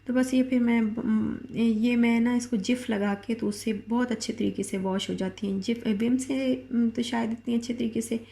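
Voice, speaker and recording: Hoarse Pakistani woman, flat mellow voice. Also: a little high, normal speed, few pauses. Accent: Pakistani Urdu. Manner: rambling, many fillers and restarts. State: sore throat. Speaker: vlogger. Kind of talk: casual home vlog. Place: home kitchen.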